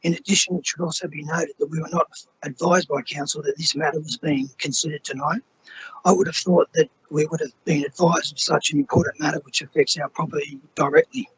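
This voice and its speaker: A hoarse man who has nearly lost his voice, reading a formal prepared statement to a council meeting. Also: a little high, slight background noise, low-quality recording. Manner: formal, steady, measured. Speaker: resident addressing council. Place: council chamber.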